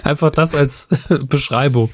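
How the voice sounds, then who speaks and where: A man's voice: medium pitch, unhurried, no echo. A man co-hosting a casual podcast, trading dry jokes and reading listener mail aloud. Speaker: podcast co-host. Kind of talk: casual chat.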